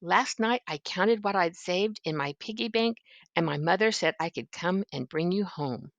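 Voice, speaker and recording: A sweet, earnest little girl from a storybook played by an older woman. She sounds eager and kind in a grandmotherly telling, with some creak and a very dry sound. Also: fairly low pitch, expressive, moderate pace, no room sound, highs cut off.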